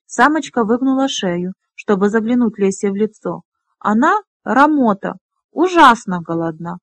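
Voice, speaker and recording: Woman, audiobook narrator, measured, even, fantasy novel, dry close sound. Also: fairly high pitch, no room sound.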